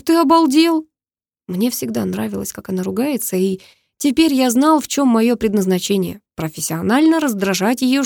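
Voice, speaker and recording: A woman reads a first-person story aloud in an even, storytelling way. Her voice is mellow and warm, at a middling pitch, with a dry, close sound. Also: creaky, dry recording. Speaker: audiobook reader.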